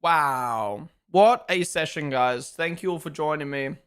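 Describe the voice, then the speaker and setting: A man's voice: fairly high pitch, measured pace, fairly bright tone, clean tone. A man hosting a live watch-along, talking loosely and swearing now and then. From New Zealand. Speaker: live stream host.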